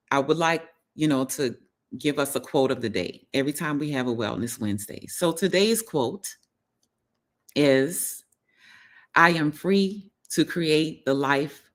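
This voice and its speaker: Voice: medium pitch, fairly bright tone. A holistic health coach hosting a casual live stream, talking in an earnest, encouraging way and repeating phrases for emphasis. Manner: repeats phrases for emphasis, many "you know" fillers.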